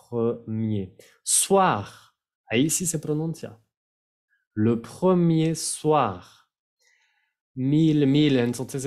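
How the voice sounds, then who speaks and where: A man teaching French pronunciation, repeating words slowly and sometimes searching for the right word. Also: mid-range voice, darkish tone. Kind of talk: pronunciation lesson.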